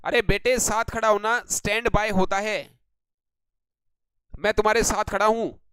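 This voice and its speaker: A man leads a live online grammar lesson, calling on students by name and teasing them as he goes. His voice sits high and comes through smooth and clear. The sound is dry and close, with no room echo. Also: flat delivery, a little slow, pushed and bright. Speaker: English grammar teacher.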